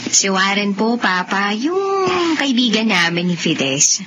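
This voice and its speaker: A woman's voice: medium pitch, sing-song, takes it slowly, a bit bright. An actress playing a cheerful, curious young Filipino woman in an old-style radio drama. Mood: respectful. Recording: dull, noisy radio drama recording.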